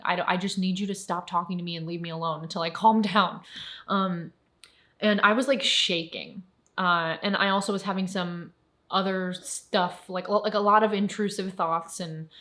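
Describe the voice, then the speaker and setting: Woman, twenties, vlogger. Slightly low voice. Candid, rambling personal story with lots of fillers. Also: fairly bright tone. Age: 20s. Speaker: YouTuber.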